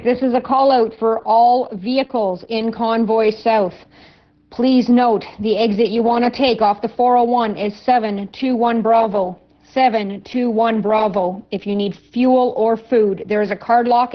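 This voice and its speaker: A woman dispatching a truck convoy over CB walkie-talkie radio, giving clear, methodical directions and ending each call with "over.". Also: on the high side. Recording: lo-fi radio transmission.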